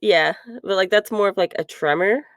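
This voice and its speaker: A young woman chatting on a podcast, giggly and rambling, full of fillers. Her voice is smooth and resonant, and the sound is dry and close. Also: medium pitch, moderate pace, no echo. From Canada. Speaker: podcast co-host. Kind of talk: casual chat.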